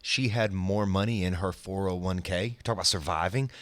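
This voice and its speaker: A man's voice: deep voice, moderate pace, a bit bright, no room sound. A man co-hosting a commentary show, insistent and repeating his point. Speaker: co-host. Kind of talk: casual commentary.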